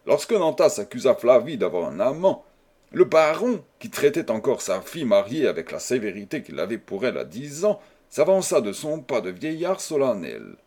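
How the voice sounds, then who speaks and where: A man's voice: medium pitch, big pitch swings, normal speed, darkish tone, slightly rough. Man reading a classic novel aloud. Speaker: audiobook reader. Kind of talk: literary audiobook narration.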